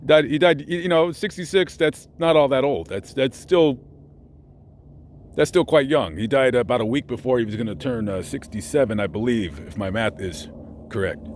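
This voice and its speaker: A man's voice: mid-range voice, moderate pace, slight background noise. A man chatting casually while visiting a cemetery, meandering with lots of fillers and self-corrections. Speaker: vlogger visiting famous graves. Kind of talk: casual rambling commentary. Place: outdoors at a cemetery.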